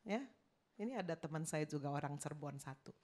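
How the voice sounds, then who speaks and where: A woman's voice: sits low, expressive, brisk, a little mellow. A woman pastor preaching a sermon in an emphatic way, talking straight to her congregation.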